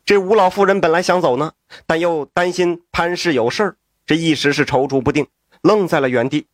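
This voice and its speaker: A man telling a story in a traditional storytelling style, lively with folksy asides and exclamations. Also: fairly high pitch, fairly quick, dry recording, studio quality.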